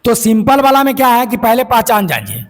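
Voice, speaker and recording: A man's voice: extremely high pitch, very animated, fairly quick. A man teaching English grammar as a lecture, explaining step by step and asking and answering his own questions. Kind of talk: classroom lecture.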